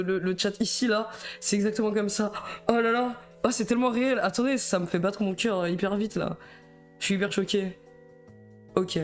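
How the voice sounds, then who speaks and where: Chatting on a live stream, a young Belgian French-accented man sounds nervous and self-deprecating. His voice sits high, and he stammers and wanders off topic between bouts of laughter.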